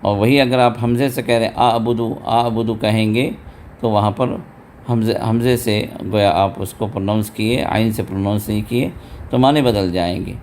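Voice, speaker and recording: A man teaching a tajweed lesson, patiently explaining step by step and chanting verses slowly and drawn out. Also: lowish voice, fairly even intonation, a little mellow, a little hiss or hum. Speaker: Quran recitation teacher. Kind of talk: tajweed lesson with recited examples.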